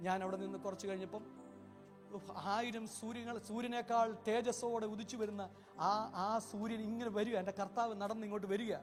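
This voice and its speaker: A man from Kerala preaching a sermon as an evangelist, telling a story fervently and swelling to loud cries. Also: high-pitched, level tone, fairly quick, faint music behind. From Kerala, India.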